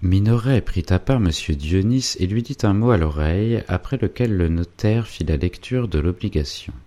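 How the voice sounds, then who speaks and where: Deep-voiced man reading a classic novel. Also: lively intonation, mellow. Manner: measured literary narration. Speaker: narrator.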